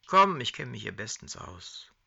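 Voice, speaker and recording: A man voicing a chatty, jolly early-retired department-store Santa, talking loud and chummy. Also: mid-range voice, very animated, measured pace, gravelly, breathy edge, lo-fi sound, full character voice.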